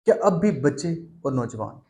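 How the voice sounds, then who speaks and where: A man hosting a mock interview in a comedy sketch, speaking in a measured, formal way that turns stern when he scolds his guest. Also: a little high, sing-song, dark tone. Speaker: host.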